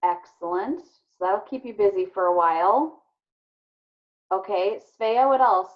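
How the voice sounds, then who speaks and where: A woman teacher with an unhurried, mid-range voice leads an online class discussion with children, encouraging and affirming them. The video call audio sounds dull and lo-fi.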